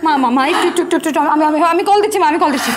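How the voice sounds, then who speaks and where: An actress playing a panicked young wife in a TV drama, with a very high, fast voice and breathless repetitions. Soft music sits in the background. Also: female voice, natural voice. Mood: frantic. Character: anxious young wife tending a sick mother-in-law.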